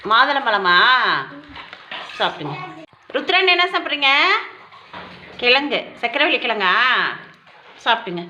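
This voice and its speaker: Woman, preschool teacher, high voice, lively melody, classroom, coaxing sing-song with children. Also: unhurried, long pauses, slight background noise. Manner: gently questions each child by name, repeats their answers. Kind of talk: classroom talk with small children.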